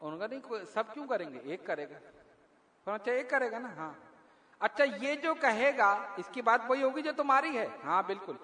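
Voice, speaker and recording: A man preaching a sermon, telling stories and acting out the dialogue in an animated way. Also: extremely high pitch. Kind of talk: sermon storytelling. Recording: echoey hall with long reverb.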